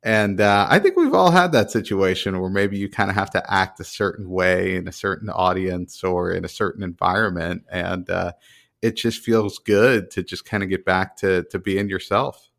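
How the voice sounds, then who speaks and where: Upbeat male podcast host, low-pitched. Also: normal speed, creaky, fairly bright tone. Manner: upbeat, enthusiastic banter. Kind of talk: casual chat.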